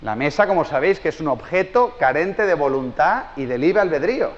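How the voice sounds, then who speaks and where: A man's voice: on the high side, brisk. Colloquial Spanish man lecturing. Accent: Spain Spanish. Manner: colloquial, lively storytelling with asides. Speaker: speaker. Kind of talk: live conference talk. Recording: dull sound in an echoing hall.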